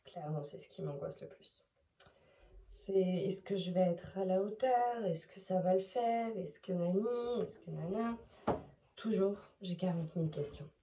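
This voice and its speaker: A woman's voice: lowish voice, measured pace, warm tone, slight background noise. A young woman vlogging from her bedroom about her skincare routine, chatty, frank and self-mocking, sometimes dropping into a whisper. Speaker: beauty vlogger. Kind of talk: casual vlog chat to camera. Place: bedroom at night. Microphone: handheld phone camera without tripod.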